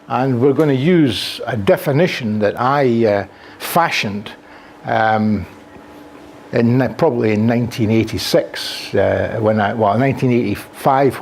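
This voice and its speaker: A camera at the back of a classroom with a projector records an older Scottish man, with a Scottish accent, lecturing at a conference. His mid-range voice comes with a little hiss or hum, and his delivery is animated, full of free gestures and frequent fillers.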